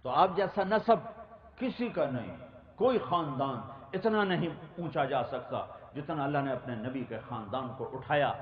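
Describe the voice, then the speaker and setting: A man's voice: on the high side, lively intonation. A man preaching an emotional sermon, reciting verse and long rhythmic lists with rising passion. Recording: echoey, dull lo-fi hall recording.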